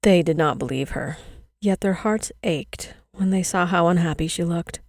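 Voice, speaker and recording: A woman reading an old Victorian story aloud in a measured storytelling manner. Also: fairly low pitch, a little mellow, dry recording, clean studio sound.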